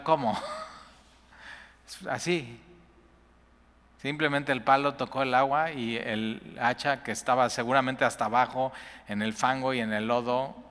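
Animated preacher with a bright voice. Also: male voice, medium pitch, a little slow. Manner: animated, conversational, acts out quotes, chuckles often. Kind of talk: sermon. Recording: long hall reverb.

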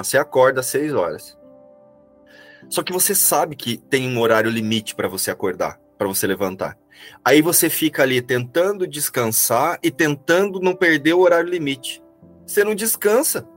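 A man calmly explaining a spiritual lesson and asking rhetorical questions, as a teacher would. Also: medium pitch, moderate pace, soft background music.

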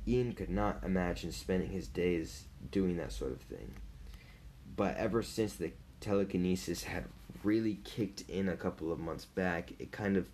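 A man reading a novel aloud in a steady way, with occasional stumbles and restarts. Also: low voice, moderate pace, a little hiss or hum. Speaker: narrator.

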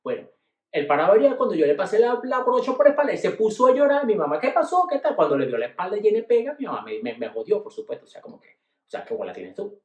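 Venezuelan man, middle-aged, slangy storyteller, fairly high voice, echoey room. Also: fast talker. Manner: animated, slangy, swings between low mutters and loud exclaims. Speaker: podcast host. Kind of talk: casual storytelling monologue. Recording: roomy echo.

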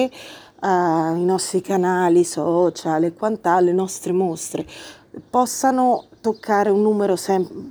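Earnest woman host with a warm, mellow voice. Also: on the low side. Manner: earnest and reflective, thinking aloud. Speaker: podcast host. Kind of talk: explanatory monologue about a book.

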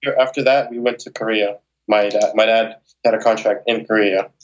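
A man's voice: fairly low pitch, fairly even intonation, a little fast. Young man, interview guest, rambling, lots of ums and restarts, slightly dull audio. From born in Moscow, raised in Ukraine and Las Vegas. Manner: rambling, many fillers and restarts. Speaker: guest, circus straps performer. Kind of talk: casual interview answers.

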